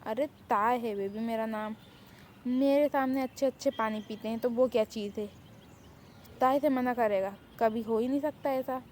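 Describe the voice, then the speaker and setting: A woman's voice: fairly high pitch, fairly even intonation, normal speed, a little mellow, a little hiss or hum, close to an everyday voice. A woman voicing a cheeky, boastful young woman who loves to pester everyone. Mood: teasing. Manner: brash, teasing, boastful.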